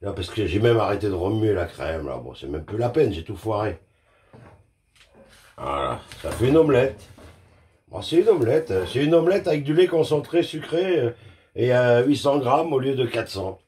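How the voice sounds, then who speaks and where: A home cook vlogger chats casually to the viewer while he works in his home kitchen, joking about his own mistakes and swearing crudely and freely. His medium-pitched voice is very animated and dark in tone, at a normal speed.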